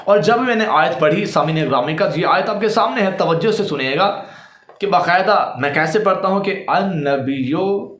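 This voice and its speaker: A man's voice: high voice, a bit bright, echoey room. A man, a cleric and debater, giving polemical commentary to his audience in a scornful, repetitive, mocking way.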